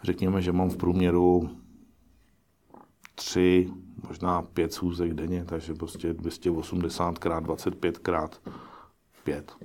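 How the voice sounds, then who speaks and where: A middle-aged man with a very low voice speaks in a flat, even tone. He is being interviewed about his work as an investor. He talks in a pragmatic, musing way, often breaking off and restarting his sentences. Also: long pauses. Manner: pragmatic, musing, self-correcting. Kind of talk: interview answers.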